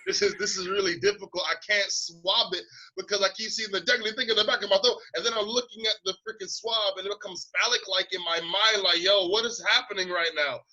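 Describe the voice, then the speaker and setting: Young guy on a podcast, high bouncy voice, laughs a lot, bright and a bit husky. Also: quick pace, few pauses, highs cut off. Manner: animated, laughs often, acts out voices in anecdotes. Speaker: podcast co-host. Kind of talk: casual chat, storytelling.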